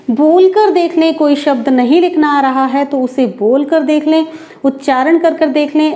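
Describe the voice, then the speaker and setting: A woman teaching a grammar lesson for exam students, slow and deliberate, asking and answering her own questions and drawing out example words. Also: high-pitched, mellow.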